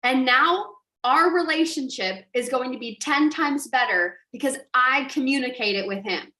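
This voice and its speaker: High-voiced woman giving a motivational talk. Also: animated, measured pace, pushed and bright, echoey room. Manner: emphatic, rhetorical questions. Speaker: business coach.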